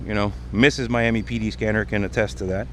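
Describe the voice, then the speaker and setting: Fast and steady in tone, a man with a fairly low, somewhat bright voice hosts a casual outdoor livestream on a city street. He explains things in a chatty way, and traffic, passing vehicles, and urban noise are audible.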